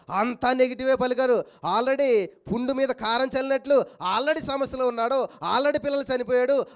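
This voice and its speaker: A man preaching a sermon in a lively call-and-response way, quizzing his listeners and breaking into loud hallelujahs. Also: extremely high pitch, smooth.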